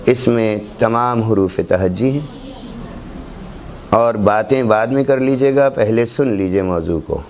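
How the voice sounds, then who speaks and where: A man's voice: medium pitch, darkish tone, a little hiss or hum. Man giving a patient classroom lesson. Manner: explanatory, repeats and lists examples. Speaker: Quran recitation teacher. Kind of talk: classroom lecture.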